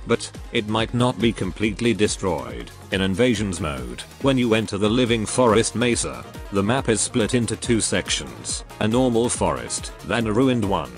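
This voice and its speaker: Male game reviewer, scripted commentary, low animated voice, blunt and sweary, music bed. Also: moderate pace, hardly any pauses. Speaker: video game story reviewer.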